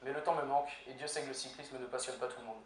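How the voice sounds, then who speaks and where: A young man, a law student, giving a prepared humorous speech in an eloquence contest, with deadpan, ironic punchlines. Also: mid-range voice, racing. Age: young adult. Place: university lecture hall with audience. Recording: echoey hall, far from mic, faint noise.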